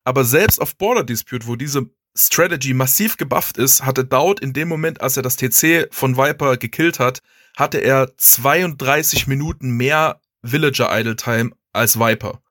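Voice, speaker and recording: A man's voice: mid-range voice, normal speed, a bit bright, dry recording, clean studio sound. A man, casually explaining video game strategy, thinking aloud with restarts and chuckles. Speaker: guest strategy player.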